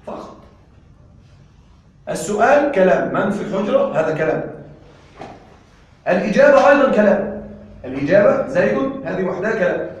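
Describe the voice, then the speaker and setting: High-voiced man teaching in echoey room. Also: highs cut off, a little hiss or hum. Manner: lively and animated, often asks the class questions. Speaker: Arabic grammar teacher. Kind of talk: classroom lecture.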